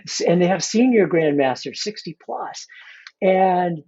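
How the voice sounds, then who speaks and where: A man's voice: high-pitched, lively intonation, takes it slowly, darkish tone, highs cut off. A man in his fifties, a coach being interviewed, talking in a loose, rambling way full of restarts and "you know". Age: 50s. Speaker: guest coach. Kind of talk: casual interview talk.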